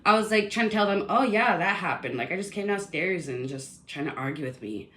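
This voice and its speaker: A woman's voice: fairly low pitch, animated, fairly quick, fairly bright tone. A woman telling a personal complaint story in a casual, rambling, indignant way, full of fillers.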